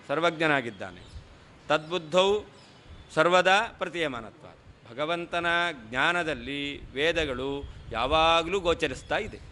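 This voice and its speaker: A man's voice: on the high side, bright, forceful tone, a little hiss or hum. A man teaching a scripture text in a traditional lecture, reading Sanskrit lines and explaining them, asking and answering his own questions. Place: lecture hall.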